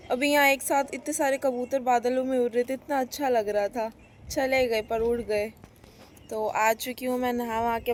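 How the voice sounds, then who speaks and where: A young woman talks through her day for a casual vlog, chatty and relaxed, speaking straight to her viewers. Her voice sits a little high but stays quite level. The phone recording carries a faint hiss. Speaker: vlogger. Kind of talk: casual daily-life vlog.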